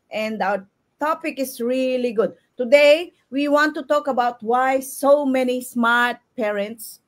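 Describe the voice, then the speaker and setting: Chatty woman hosting a live stream. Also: fairly high pitch. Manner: chatty, with Filipino fillers. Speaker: host. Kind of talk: casual live-stream chat. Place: home in New Zealand.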